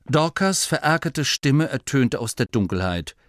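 A man narrating an audiobook in a lively, expressive reading voice. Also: mid-range voice, a little slow, no echo, clean studio sound.

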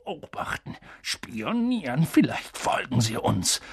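A man voicing a gruff, bullying middle-aged uncle who snaps and shouts in a story reading. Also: high-pitched, huge pitch swings, unhurried, no echo, clean studio sound, pitched above the performer's own voice, full character voice. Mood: uneasy, forced. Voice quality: shouting, snapping.

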